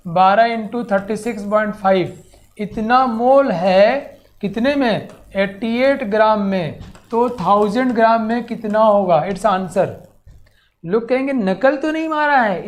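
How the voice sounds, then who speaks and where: A man teaching chemistry in a live online coaching class, animated and teasing, repeating words rapidly, coaxing his students and mixing English terms into his speech. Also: sits high.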